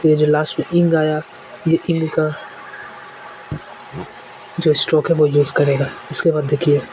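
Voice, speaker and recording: Male shorthand teacher, steady monotone, patient repetition, light background noise. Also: a little high, moderate pace, rough recording. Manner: repeats examples patiently, step by step. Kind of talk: classroom lesson explaining strokes.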